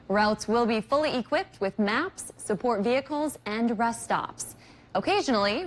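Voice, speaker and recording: A woman news anchor reading short regional stories in a steady scripted manner. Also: fairly high pitch. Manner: steady, even read of short regional items.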